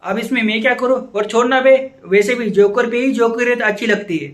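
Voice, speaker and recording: Man doing a teasing young best friend, high voice, short replies, comedy sketch. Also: a little fast. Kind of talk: Hindi comedy sketch dialogue.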